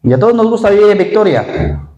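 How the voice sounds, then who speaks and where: A male pastor preaching to his congregation, his fairly high voice ringing through an echoey church hall. He talks lively and keeps turning to the people with questions. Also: a little fast, muffled recording. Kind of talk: sermon. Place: Spain.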